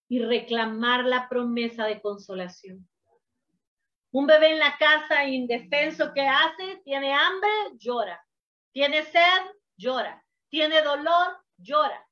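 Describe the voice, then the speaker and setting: A woman preacher delivering a sermon, emphatic, swinging from hushed to loud, on a dull lo-fi recording. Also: high voice.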